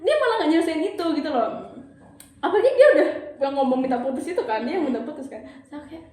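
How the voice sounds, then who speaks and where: A young adult woman telling a counselor a personal story in a casual, animated way, acting out quoted dialogue with lots of fillers. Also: high voice, very fast. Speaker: counseling client. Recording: very echoey room with faint background noise.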